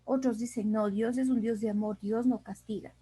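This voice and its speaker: A woman's voice: a little high, fairly even intonation, moderate pace, dark tone, husky. A woman giving a Bible study lesson with slides, talking unhurriedly with fillers and restarts, and reading scripture passages aloud. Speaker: Bible teacher.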